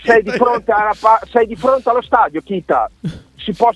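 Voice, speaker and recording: A man's voice: high-pitched, moderate pace, fairly bright tone, dull audio. A man calling in to a local sports radio show, ranting and swearing in heated banter. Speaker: phone-in caller.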